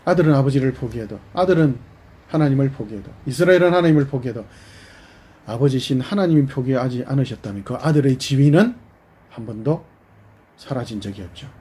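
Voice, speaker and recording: A man's voice: medium pitch, lively intonation, fairly quick, dark tone, breathy edge. A man preaching a sermon as pastor, animatedly voicing both God and the people in turn.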